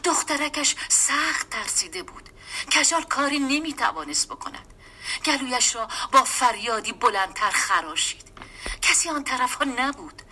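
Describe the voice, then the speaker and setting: A woman giving a dramatic storybook reading, often dropping into a hushed, half-whispered voice. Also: high voice, lively intonation, slight background noise. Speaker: story reader.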